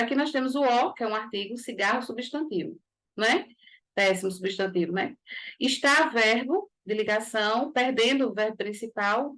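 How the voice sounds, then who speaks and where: A woman with a Brazilian Portuguese accent teaches an exam-prep grammar lesson, her voice sitting a little high. She explains each point step by step and keeps checking in with quick tag questions to the class. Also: fairly bright tone.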